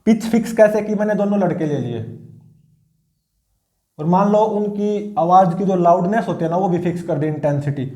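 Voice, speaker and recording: A man's voice: high-pitched, animated, moderate pace, warm tone, roomy sound. A man teaching physics in a classroom-style lecture. He repeats his points and keeps checking in with his students.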